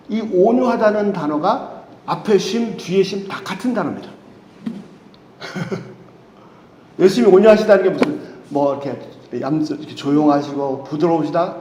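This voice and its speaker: A male pastor preaching a sermon, animated and full of questions to the congregation, sometimes dropping to a soft near-whisper. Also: sits high. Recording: echoey hall reverb.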